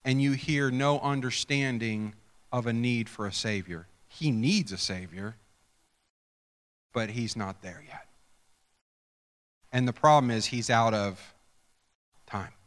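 A man's voice: mid-range voice, slow, long pauses, in a large hall. A man preaching a conversational sermon, chatty and self-interrupting, quizzing his congregation. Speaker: pastor.

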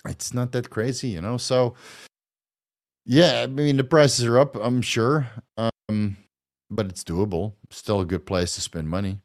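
A man's voice: medium pitch, measured pace. A man from the Netherlands with a Dutch accent, chatting loosely as host while answering viewer questions and thanking donors, swearing and laughing often. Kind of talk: casual livestream Q&A.

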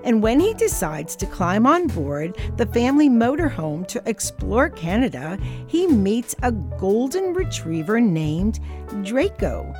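Slow, animated woman reading to children. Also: a little high, faint music behind. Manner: deliberate, expressive, addressing young children. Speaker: children's storyteller, host of a story time. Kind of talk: scripted storybook narration for children.

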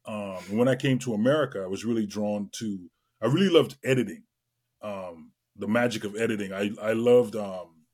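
A middle-aged man from Trinidad and Tobago, a guest entertainer telling his career story in a lively way, with many fillers. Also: on the low side, moderate pace, husky. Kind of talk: casual interview chat.

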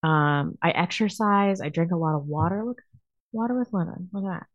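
A woman's voice: on the low side, normal speed, no echo, highs cut off. A woman co-hosting a live call-in show, sick with a cough and complaining bluntly and dramatically. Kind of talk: casual live show chat.

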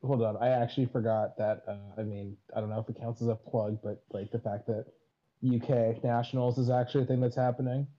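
A man's voice: mid-range voice, steady tone, fairly quick. A man guest on a podcast, talking in a hesitant, self-deprecating, apologetic way. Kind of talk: casual chat. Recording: dull lo-fi sound.

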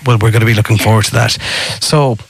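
A man's voice: lowish voice, fairly even intonation, quick pace, creaky, husky, no room sound. Irish guy from the presenting on radio, dry close studio sound, interviewing.

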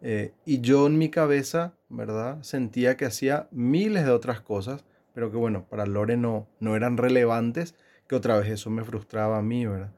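A man's voice: mid-range voice, moderate pace, darkish tone. A middle-aged man co-hosting a casual podcast, speaking reflectively with hesitations and frequent "¿verdad?". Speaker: podcast co-host. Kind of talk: casual chat.

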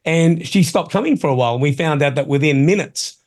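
A man's voice: on the high side, a little fast, darkish tone. A middle-aged Australian man hosting talk radio, opinionated and colloquial in a blokey, tradesman-like way, often calling people mate. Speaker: talk show host.

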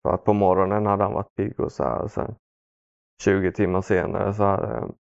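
Male podcast guest, gravelly and low-pitched, halting and sombre, dull dry lo-fi sound. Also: steady tone, no room sound. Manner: halting, many fillers and pauses; subdued, sombre. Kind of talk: personal story in conversation.

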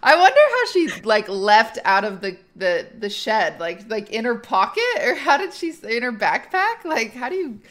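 A woman's voice: on the high side, sing-song, moderate pace, hardly any pauses, a bit bright. A woman chatting casually on a stream, playful and teasing. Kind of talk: casual chat.

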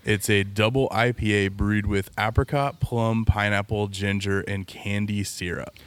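A man's voice: on the low side, fairly even intonation, unhurried, clear, resonant tone, no room sound. A man co-hosting a casual podcast chat, laid-back, swearing now and then as he talks through his reasoning. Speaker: podcast co-host.

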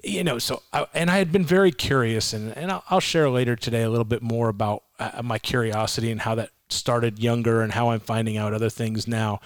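A man's voice: medium pitch, fairly even intonation, a little fast, hardly any pauses, dry recording. A man in his forties shares a personal testimony as an interview guest, his voice sitting in a middle register. He tells his story earnestly, with restarts and quoted voices. The recording is dry and close. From Massachusetts, raised in Florida. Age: 40s. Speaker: guest, ministry leader. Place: a home.

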